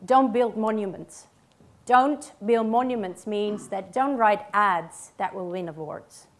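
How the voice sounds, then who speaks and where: Woman conference speaker, mid-pitched voice, emphatic, punchy phrasing, theatre stage, clip-on mic. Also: takes it slowly. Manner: emphatic, short punchy statements and check-in questions. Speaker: conference speaker, radio ad writer. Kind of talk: conference presentation.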